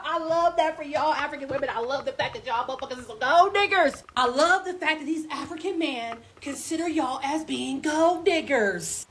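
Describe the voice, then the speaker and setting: Very high-voiced woman ranting sarcastically. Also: a little hiss or hum. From United States. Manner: profane, sarcastic, heavy swearing. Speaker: commenter in a stitched clip. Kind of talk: mock-praising rant.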